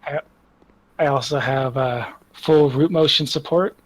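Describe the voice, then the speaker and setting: Husky, hesitant man being interviewed. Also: a little high, fairly even intonation, measured pace, poor audio. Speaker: interviewed software developer. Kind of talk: casual interview.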